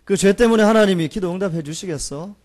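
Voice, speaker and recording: Mocking accusing devil voiced by a man, scornful and needling, somewhat high voice, quiet and low-key. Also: fast, natural voice. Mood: scornful taunting. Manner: scornful, needling, speaks down to listener. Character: taunting accusing male Satan whispering guilt.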